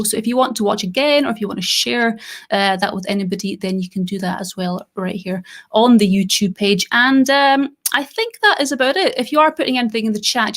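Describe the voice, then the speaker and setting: A woman hosting a live stream interview, upbeat and welcoming as she introduces her guest. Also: medium pitch. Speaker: host.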